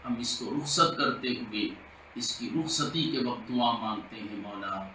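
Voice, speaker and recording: A man, an imam from India, leading a Friday sermon supplication in slow, drawn-out chanted lines, recorded in a mosque. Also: medium pitch, sharp tone, reverberant, far from the mic, slight background noise, low-quality recording.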